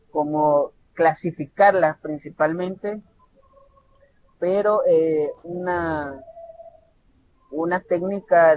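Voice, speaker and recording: A man from El Salvador tutoring an online lesson, explaining patiently and often restarting words and checking with "¿verdad?". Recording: dull lo-fi audio with faint rumble.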